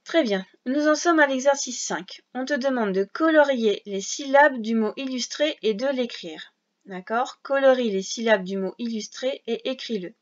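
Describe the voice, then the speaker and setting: A woman with a voice on the high side speaks at normal speed, recorded in dull lo-fi sound. She's teaching young children to read, patiently sounding out syllables and letters one by one.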